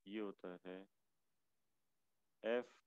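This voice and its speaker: A male lecturer with a hoarse voice, teaching a math class online slowly and haltingly, with many fillers. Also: lowish voice, steady tone, a little mellow, no room sound, muffled recording. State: hoarse, fasting.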